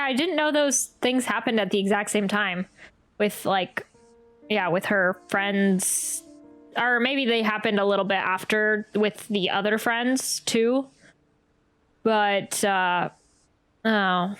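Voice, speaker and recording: With a clear, resonant mid-range voice and a slow pace, a woman gives casual reactions while playing through a game on stream. She thinks aloud in a hesitant way as soft game music plays.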